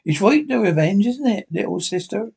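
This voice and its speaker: A man's voice: high voice, expressive, normal speed, gravelly, darkish tone, breathy edge, exaggerated voice. A man acting a vengeful, crazed young woman in a horror radio play, speaking obsessively and repeating herself. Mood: crazed, exultant.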